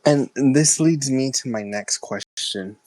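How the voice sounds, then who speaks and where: A man's voice: mid-range voice, darkish tone, dry recording. A young man calling in, talking hesitantly with many fillers about his family and spirits. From Texas. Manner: hesitant, halting, with many likes and ums. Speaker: caller. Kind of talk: casual talk.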